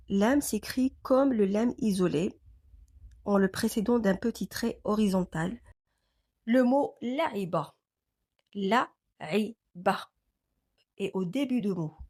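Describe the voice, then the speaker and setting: A woman teaching a language lesson on letters, speaking carefully and repeating each word clearly for learners to copy. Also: medium pitch, mellow. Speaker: Arabic teacher.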